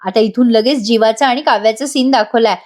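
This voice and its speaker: Her fairly high, slightly mellow voice moves at a fairly quick clip as she chats through a voice-over recap of a TV serial episode. As a reviewer, she addresses her viewers head-on.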